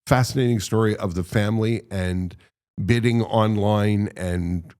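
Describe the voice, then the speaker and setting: A man co-hosting a podcast in casual chat, animated and quick to laugh. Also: fairly low pitch, clean tone. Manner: animated, laughs often, restarts sentences. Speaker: podcast co-host. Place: podcast studio.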